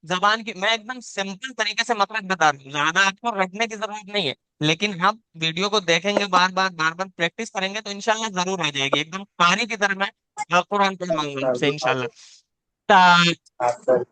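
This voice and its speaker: Bright, clear-voiced male Quran teacher. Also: high-pitched, brisk, no room sound. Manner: patient, repeats points, demonstrates each sound aloud. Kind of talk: live online class, teaching letter sounds. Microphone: video call.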